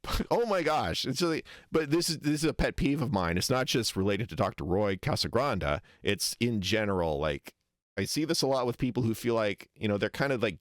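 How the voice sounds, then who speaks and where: An American man streaming casual commentary, rambling and animated as he exaggerates foreign vowel sounds to make his point. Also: on the low side, no echo, studio quality. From United States. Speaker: streamer reacting to a lecture.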